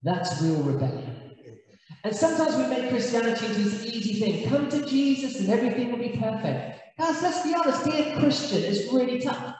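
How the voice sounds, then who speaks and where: A man from South Africa, a pastor, preaching a sermon and telling funny stories with lively energy. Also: extremely high pitch, fairly quick. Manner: animated storytelling with humor. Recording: echoey hall from far off.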